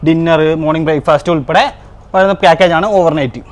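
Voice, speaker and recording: A man with a Kerala Malayali accent giving a casual guided tour as a guide, mixing English words and phrases into his Malayalam. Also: fast talker. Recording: noisy outdoor video with engine rumble.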